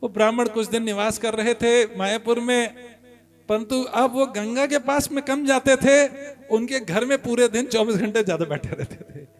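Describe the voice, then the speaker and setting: A male preacher with a very high voice tells a devotional story with animated energy, acting out its scenes and putting questions to the crowd in front of him. Faint music plays softly behind him. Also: normal speed.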